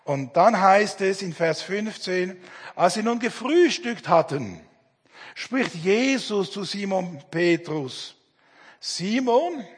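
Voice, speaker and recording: A middle-aged man preaches a sermon in a church hall. His voice sits high and a little husky, with long reverb trailing after each phrase. He speaks earnestly, with dramatic pauses. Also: expressive. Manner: earnest, dramatic pauses, acts out quoted dialogue.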